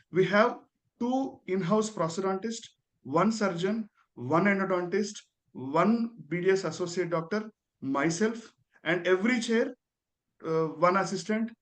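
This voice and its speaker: High-voiced, deferential Indian-accented man. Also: fairly bright tone. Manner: deferential, ends phrases with "sir". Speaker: dentist, guest giving a testimonial. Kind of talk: earnest testimonial.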